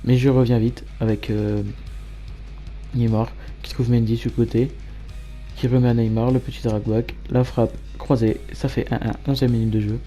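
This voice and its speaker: A man giving matter-of-fact play-by-play commentary as a gamer over his own match highlights. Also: flat delivery, moderate pace, warm tone, faint music behind. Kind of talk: gameplay commentary.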